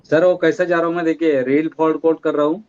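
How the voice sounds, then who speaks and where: Male technician, halting and monotone, muffled dry line. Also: on the high side. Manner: hesitant, explaining step by step. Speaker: technician asking a question.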